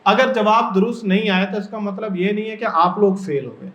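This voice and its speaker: A man's voice: high-pitched, fairly bright tone. A man from Pakistan training teachers in a workshop, explaining step by step and often putting questions to the room. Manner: explains step by step and keeps asking the audience questions. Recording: echoey room, dull lo-fi sound.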